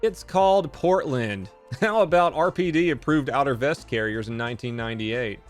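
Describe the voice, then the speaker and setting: A man's voice: mid-range voice, normal speed. Sarcastic guy in his 30s reading wacky cop news, joking around, faint music behind. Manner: sarcastic, jokey, reads headlines aloud. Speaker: host. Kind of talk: comedic news recap.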